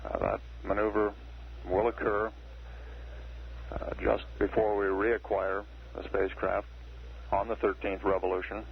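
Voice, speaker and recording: A man giving measured, matter-of-fact spaceflight status commentary as a mission control announcer. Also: on the low side, gravelly. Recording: dull archival radio broadcast, faint hiss.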